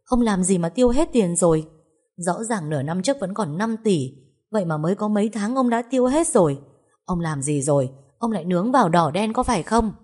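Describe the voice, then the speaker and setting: A woman's voice: medium pitch, animated, fairly quick, mellow, natural voice. A woman voicing a distressed middle-aged wife who scolds and pleads with her husband in an audio story. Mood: upset.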